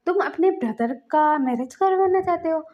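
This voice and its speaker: A woman's voice: extremely high pitch, expressive, moderate pace, muffled recording, pitched above the performer's own voice. A woman voicing an earnest lovestruck young man who pleads and protests in casual slang. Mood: earnest, protesting.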